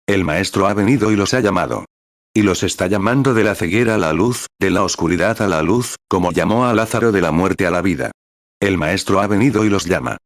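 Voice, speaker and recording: A man preaching a sermon in a measured voice, quoting and reading out scripture passages. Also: sits low, no room sound, clean studio sound.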